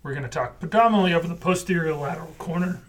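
A man's voice: on the high side, rapid-fire, far from the mic. A man co-hosting a casual podcast as a physical therapist, explaining clinical terms with dry jokes. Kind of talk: casual educational podcast chat.

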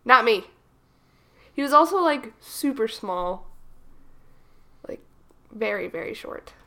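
A young adult woman co-hosts a casual chat podcast, sounding a little froggy from a cold as she tells rambling stories. Her fairly high voice is expressive and a bit bright, and she takes her time.

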